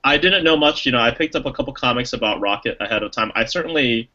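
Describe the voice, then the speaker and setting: On a muffled recording, a man with a mid-range, sharp-toned voice talks fast as he co-hosts a podcast. His casual movie review is eager and rambling, loaded with fillers.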